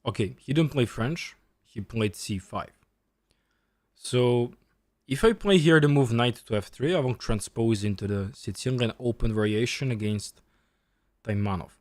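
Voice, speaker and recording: This twenty-something man streams chess, mixing relaxed chat with game commentary and frequently repeating short phrases. He speaks at medium pitch, unhurried, with a darkish tone on a dry recording.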